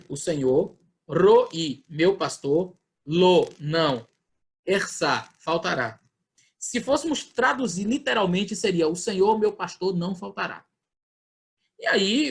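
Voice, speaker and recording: A man with a Brazilian Portuguese accent, a pastor explaining scripture in an online Bible study and acting out people's questions. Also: on the high side. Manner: explanatory, acts out questions in quoted voices.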